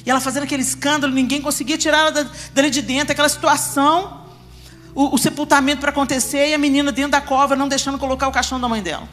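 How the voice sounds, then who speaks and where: A woman's voice: high voice, steady tone, very fast, a bit bright. A woman preaching a sermon at a church family congress, speaking emphatically and putting questions straight to the congregation. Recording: reverberant church hall with music.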